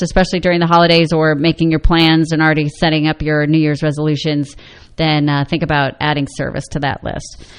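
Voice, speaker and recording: A woman hosting a talk show from a studio, with a smooth, clear voice that sits a little low. She chats loosely with easy fillers as she introduces her guests. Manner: chatty, relaxed, with fillers. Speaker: radio show host. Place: radio studio.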